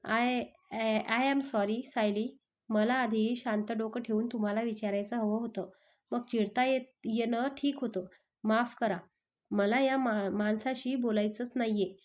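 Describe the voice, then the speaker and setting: A woman's voice: on the high side, fairly even intonation, a little slow, close to an everyday voice. A woman voicing a hot-tempered young male boss. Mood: apologetic. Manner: shouting, exasperated outbursts.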